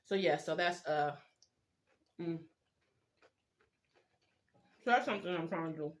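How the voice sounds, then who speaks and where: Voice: mid-range voice, animated, fast talker. Casual vlogger chewing while talking. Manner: chewing and talking with food in mouth; rambling, informal, confiding. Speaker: video blogger. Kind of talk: casual chat while eating, mukbang style.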